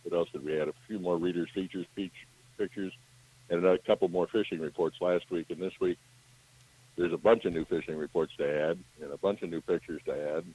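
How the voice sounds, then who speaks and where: A man calling in to a radio show, talking about his magazine in a relaxed, rambling way, heard over a muffled line. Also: deep voice, brisk, slightly rough. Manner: relaxed, rambling, many fillers. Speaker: phone-in guest, magazine publisher. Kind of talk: casual radio call.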